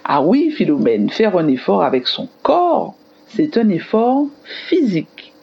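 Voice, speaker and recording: A woman teacher giving a scripted radio lesson to children in an expressive, explanatory manner. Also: medium pitch, unhurried, vocal fry, breathy edge, dull audio. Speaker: primary school teacher on radio.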